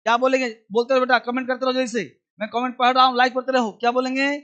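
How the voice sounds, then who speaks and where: A man teaching English in a live online lesson, drilling phrases with repetition and urging viewers to answer fast. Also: very high voice, little pitch movement, bright, forceful tone, dull audio.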